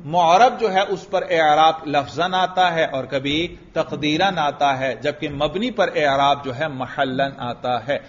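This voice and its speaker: A man teaching grammar in a classroom lecture. He keeps asking his students questions, answers them himself, and slowly chants example phrases. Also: a little high, a little hiss or hum. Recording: dull lo-fi recording.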